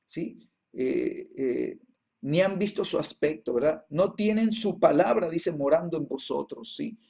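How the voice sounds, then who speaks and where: A man teaching a Bible class, reading verses slowly and then explaining them with many hesitations and repeated tag questions. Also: a little high, expressive, vocal fry, a little mellow.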